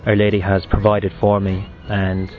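Flat-toned West of Ireland man, halting and reflective. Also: low-pitched, phone-quality sound. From Galway, west of Ireland. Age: 30s. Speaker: seminarian giving a personal testimony. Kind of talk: personal faith testimony.

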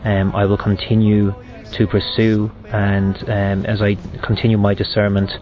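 A man in his thirties with a west of Ireland accent gives a reflective faith testimony. His voice is lowish and very monotone, and he speaks haltingly. The recording is slightly dull, with faint music behind him. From Galway, west of Ireland. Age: 30s. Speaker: seminarian giving a personal testimony.

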